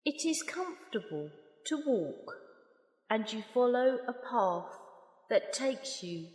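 A woman slowly leading a guided meditation in a calm, soft, unhurried voice with long pauses. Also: a little high. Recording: roomy long reverb.

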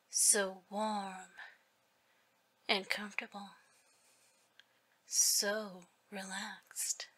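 Female hypnosis guide, whispered delivery, crisp bright tone, unhurried and soothing. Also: medium pitch. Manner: slow, soothing, drawn-out phrases.

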